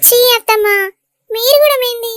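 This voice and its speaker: A woman voicing a shy young village bride in a cartoon, replying bashfully and slowly. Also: very high voice, steady tone, a bit bright, no room sound.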